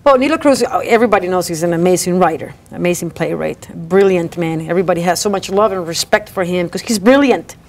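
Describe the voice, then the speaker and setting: A woman's voice: fairly low pitch, fast talker, hardly any pauses. A woman hosting a talk show who chats effusively and repeats her words as she talks to her guests. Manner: effusive, repeats herself, warm asides to guests. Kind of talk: casual interview chat.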